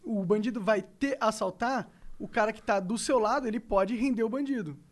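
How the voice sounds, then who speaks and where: A man's voice: high-pitched, moderate pace. A young man chatting as a podcast co-host, slangy and joking. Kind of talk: casual chat.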